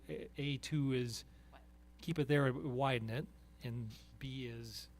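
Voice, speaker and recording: A man chairing a city planning meeting, brisk and pragmatic, steering the talk toward narrowing options. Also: medium pitch. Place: council meeting room.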